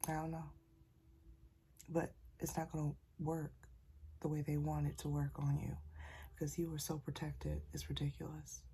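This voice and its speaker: A spiritual channeler shares a casual message, keeping her voice soft because she's slightly sick, so it comes out husky and near-whispered. She's folksy, calling listeners "y'all" and "child," and speaks low and monotone at normal speed with long pauses.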